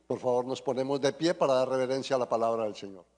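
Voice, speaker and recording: A man's voice: mid-range voice, quick pace, a little mellow. A man preaching a sermon and praying fervently, often repeating his appeals to the Lord. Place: church sanctuary. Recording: long church reverb.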